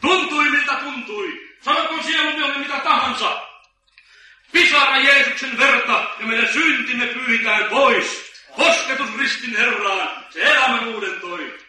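A man preaching a sermon in a big echoing church hall, heard from some distance off the mic. His voice sits high and rings sharp and bright. He speaks slowly and with emphasis, like a storyteller. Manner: slow, emphatic preaching with dramatic story-telling. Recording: echoey hall from far off.

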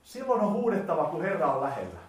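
A man preaching a sermon, talking directly to his listeners in casual speech and swinging between quiet and loud. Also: on the high side, huge pitch swings. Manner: addresses listeners directly, colloquial. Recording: echoey hall.

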